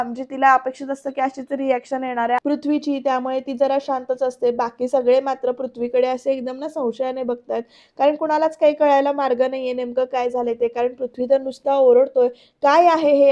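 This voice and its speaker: A woman's voice: high-pitched, a little fast, dull audio. A woman with a Marathi accent narrating a voice-over recap of a TV serial, telling the story and speaking straight to her viewers. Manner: lively storytelling, addresses viewers directly. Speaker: serial episode reviewer.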